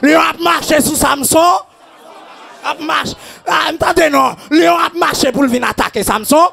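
A Haitian man preaching a sermon as pastor, shouting and half-singing his lines. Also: very high-pitched, moderate pace, gravelly, some chatter behind.

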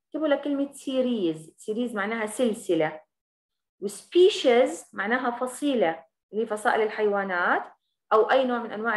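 Brief: a woman English teacher with a Levantine accent, fairly high voice, fast explanations that slow down for example words. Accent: Levantine Arabic. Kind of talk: recorded grammar lesson.

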